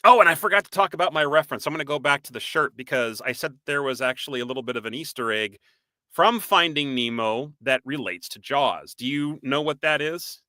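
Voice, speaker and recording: A man with a Boston accent co-hosting a live-stream podcast, chatty and animated, reading out viewer comments and quizzing his co-host. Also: mid-range voice, a little fast, no echo. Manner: animated, reads out viewer comments, laughs often. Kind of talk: casual live-stream chat.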